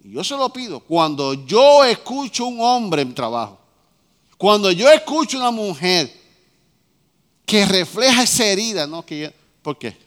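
A man preaching a sermon as a pastor, swinging between loud, fervent peaks and quiet, low lines. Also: sing-song, a little slow, big-room sound.

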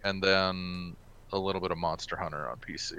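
A man on a casual podcast, chatting about games in a relaxed, somewhat hesitant way. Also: sits low, brisk, slight background noise. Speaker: podcast co-host.

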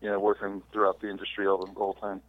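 A middle-aged man calling in remotely as a podcast guest, recalling his career in a relaxed, rambling way with fillers. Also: fairly low pitch, racing, no echo. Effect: heard over a remote phone call. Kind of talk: casual interview storytelling. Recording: tinny dry phone-line audio.

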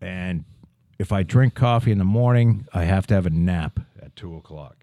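A man's voice: sits low, normal speed, dark tone, no echo, clean studio sound. A man in his fifties co-hosting a podcast in casual chat, rambling and swearing as he goes. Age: 50s. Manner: profane, rambling, trailing off. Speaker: podcast co-host.

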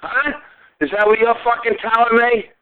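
A man's voice: very high-pitched, steady tone, normal speed, smooth. Furious man in his forties over a phone line. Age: 40s. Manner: furious, swearing, repeating himself. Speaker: call recipient. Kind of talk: heated phone argument.

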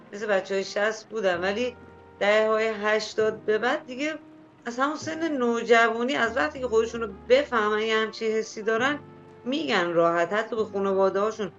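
A woman co-hosting a talk radio show, talking in a relaxed, direct, conversational way. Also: fairly high pitch, dull audio, soft background music. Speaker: co-host.

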